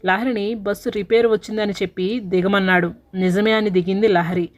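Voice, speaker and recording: A woman's voice: mid-range voice, steady tone, normal speed. Woman storyteller, dramatic and sorrowful, mid-range voice, audiobook narration.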